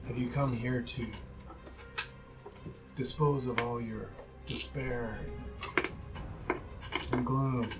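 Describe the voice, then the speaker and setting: A man voicing an unseen fey woman with a slow, unearthly, soothing and inviting manner. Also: mid-range voice, fairly even intonation, distant mic, loud music behind the voice. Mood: eerily welcoming. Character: unseen echoing female voice, eerily welcoming fey presence.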